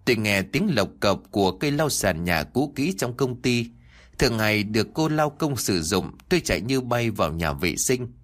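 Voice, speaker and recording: A man narrating a first-person ghost story in an animated, dramatic way. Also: lowish voice.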